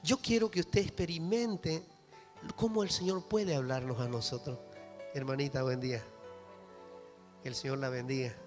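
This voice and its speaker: A man's voice: medium pitch, steady tone, normal speed, pauses often. A man with a Bolivian accent, a pastor preaching fervently to his congregation. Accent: Bolivian Spanish. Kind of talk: sermon. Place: church hall. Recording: reverberant church hall with music.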